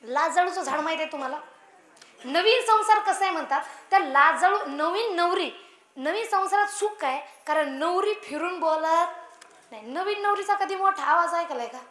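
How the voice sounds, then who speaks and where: A woman's voice: very high voice, expressive, normal speed, fairly bright tone. A woman kirtan preacher who gives a playful devotional sermon full of storytelling and teases her audience. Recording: echoey hall.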